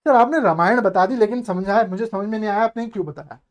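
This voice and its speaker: A man's voice: high voice, fast talker, close to an everyday voice. A man voicing a confused male student who complains to his teacher in a mock-puzzled tone.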